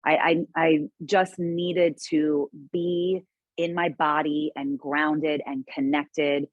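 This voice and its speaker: A woman's voice: low-pitched, level tone, takes it slowly, no room sound, phone-quality sound. A woman guest in a casual interview, speaking earnestly and reflectively with frequent restarts.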